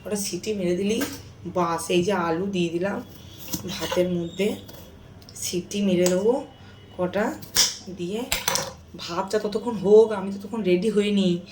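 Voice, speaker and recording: A woman's voice: medium pitch, fairly even intonation, a little slow, long pauses. A woman in her thirties with a West Bengal Bengali accent, chatting to her viewers in a home vlog and often repeating herself. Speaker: home vlogger. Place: home kitchen. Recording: running tap noise in kitchen.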